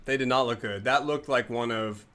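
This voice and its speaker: A man's voice: mid-range voice, normal speed, pushed and bright. A man co-hosting a live gaming show, chatting casually, teasing his co-host and laughing often. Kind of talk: casual live-stream chat.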